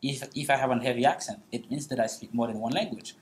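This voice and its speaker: In a large meeting room, a middle-aged Haitian guest speaker recounts personal stories during a panel, his mid-range voice carrying a Haitian accent. The telling is halting, full of restarts and frequent laughter.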